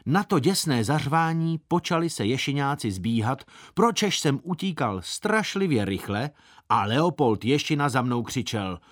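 A man voicing an excited boy who rallies his friends in a solemn, pompous war speech. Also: medium pitch, no echo, studio quality, pitched above the performer's own voice, close to an everyday voice. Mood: solemn rallying. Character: excited boy gang leader rallying friends.

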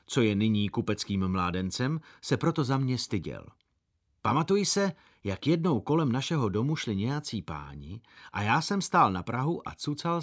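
A man reading a story aloud in a boy's first-person voice, expressive and acting out the quoted characters. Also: fairly low pitch. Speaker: narrator.

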